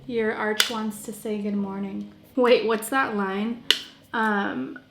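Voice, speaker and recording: A woman's voice: medium pitch, fairly even intonation, slow, roomy sound, over music. A woman chatting playfully through a casual makeup tutorial, often trailing off mid-sentence. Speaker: beauty vlogger.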